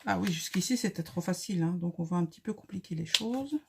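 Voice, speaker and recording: A woman's voice: fairly low pitch, fast, vocal fry, a little hiss or hum. A woman with a light accent hosting a casual crafting tutorial, chatty and friendly as she talks viewers through each step.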